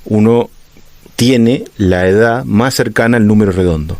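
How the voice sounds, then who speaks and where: A man in his thirties with an Argentine accent, talking thoughtfully as a radio columnist, often pausing and restarting. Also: fairly low pitch, warm tone, no echo. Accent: Argentine Spanish. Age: 30s. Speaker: guest columnist. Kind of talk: casual radio talk. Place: radio studio.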